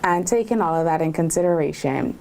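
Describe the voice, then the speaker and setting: A woman hosts an interview, listening closely and asking long, carefully framed questions. Her voice is low-pitched and mellow, and she often affirms what her guest says. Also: a little fast, vocal fry. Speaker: interviewer, host. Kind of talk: interview hosting.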